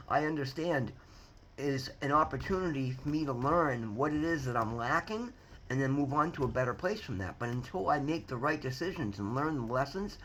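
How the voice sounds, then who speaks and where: A man's voice: medium pitch, fairly bright tone, slight background noise, low-quality recording. A man in his fifties giving an earnest, rambling motivational talk to his viewers, often restarting sentences and repeating words as he goes. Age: 50s. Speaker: vlogger sharing recovery story. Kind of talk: casual motivational talk to camera.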